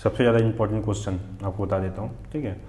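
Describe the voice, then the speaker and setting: A Hindi teacher from Chhattisgarh with a regional accent drills exam spellings, asking questions and answering them himself. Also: male voice, fairly low pitch, fairly even intonation, rapid-fire, dark tone, roomy sound, slight background noise. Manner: repetitive drilling, asks then answers himself. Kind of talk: spelling lesson for exam students.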